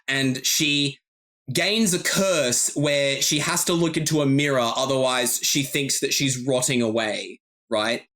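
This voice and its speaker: A man who ran a tabletop game, recapping it in relaxed, casual podcast chat with lots of fillers and laughter. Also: medium pitch, a little slow. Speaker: game master.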